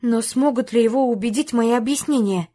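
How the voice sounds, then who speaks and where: A woman reading a first-person audiobook in a tense, measured storytelling manner. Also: a little high, mellow. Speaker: audiobook narrator.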